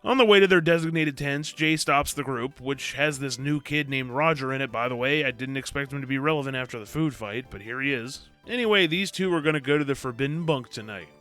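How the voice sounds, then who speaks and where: A man's voice: mid-range voice, brisk, hardly any pauses, a bit bright, faint music behind. A man narrating a book summary in a scripted, wry and jokey storytelling manner. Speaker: video host summarizing books. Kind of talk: scripted narration with sarcastic asides.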